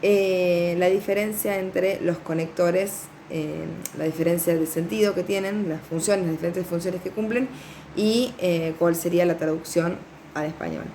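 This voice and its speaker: A woman's voice: fairly low pitch, steady tone, normal speed, mellow, slight background noise. A woman teaching a recorded class, explaining step by step with fillers and frequent checks on her students. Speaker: Portuguese teacher.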